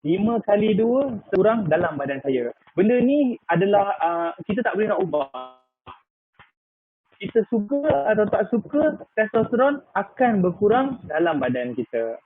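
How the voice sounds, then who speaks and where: A man's voice: high-pitched, very animated, moderate pace, soft background music. A man in his thirties with a Malaysian Malay accent, giving a chatty live product talk full of "ah" fillers and English words. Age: 30s. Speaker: product presenter. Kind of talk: live online sales talk. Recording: tinny phone-like line with faint noise.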